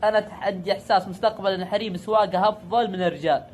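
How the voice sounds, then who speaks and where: A man's voice: sits high, steady tone, rapid-fire, a little mellow. A Saudi man vlogging casually, chatty and joking with his viewers as he talks from a car by the coast. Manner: chatty, jokey, calls viewers "guys". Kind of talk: casual vlog chat to viewers. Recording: vehicle noise behind.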